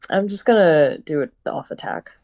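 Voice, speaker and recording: A woman's voice: sits low, lively intonation, normal speed, darkish tone. A woman player in a tabletop role-playing game, thinking aloud as she picks her moves. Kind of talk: casual game talk.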